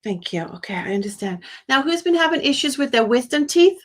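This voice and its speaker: A British woman with a high, sing-song voice talks briskly while hosting a live phone-in as a psychic medium. She chats casually through a reading, often checking that the caller follows her.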